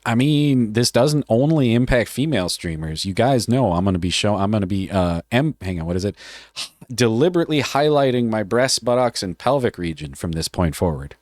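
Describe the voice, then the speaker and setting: Low-voiced joking male streamer. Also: lively intonation, normal speed, a little mellow, no room sound, studio quality. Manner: joking, offhand, swears freely. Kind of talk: casual live-stream chat, reading aloud.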